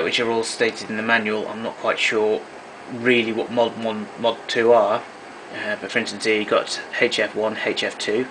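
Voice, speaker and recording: A hobbyist with a voice on the low side gives a matter-of-fact technical walkthrough of equipment. He is recorded in a room at home on a camera microphone, with background noise audible.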